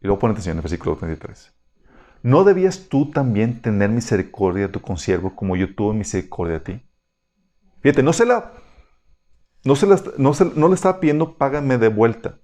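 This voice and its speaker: A man's voice: lowish voice, big pitch swings, brisk, mellow. A man teaching a Bible study in a conversational way, reading passages aloud and often checking that his listeners follow.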